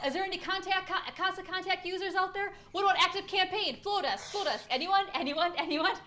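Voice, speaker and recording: A woman putting on a playful auctioneer voice, calling out bids in a fast, jokey patter. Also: very high-pitched, sharp tone, slight background noise, voice pushed up.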